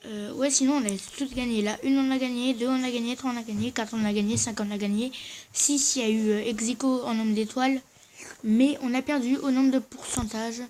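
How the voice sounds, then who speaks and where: This gaming video host talks over gameplay in a casual, hesitant way, stopping and correcting themselves often. The voice is medium-pitched, fairly even and darkish, with a little hiss or hum, and wearing braces makes their speech slightly slurred and a little odd.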